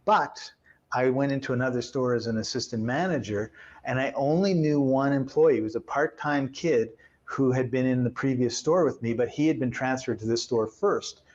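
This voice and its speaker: Animated storytelling man, lo-fi sound. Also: medium pitch, moderate pace. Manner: animated storyteller, acts out quoted voices. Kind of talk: storytelling in a conversational interview.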